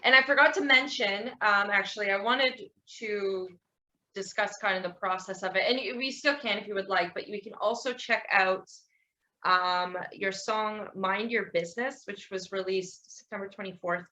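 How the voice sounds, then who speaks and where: A woman's voice: medium pitch, normal speed, bright, forceful tone. A young woman hosting a casual podcast interview, rambling a little and laughing often as she praises her guest. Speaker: podcast host.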